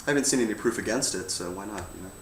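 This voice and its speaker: A young man chatting casually on a livestream, answering fan questions with a relaxed manner, often laughing and letting his sentences trail off softly. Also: on the low side, rapid-fire, far from the mic. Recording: roomy, off-mic with faint hum.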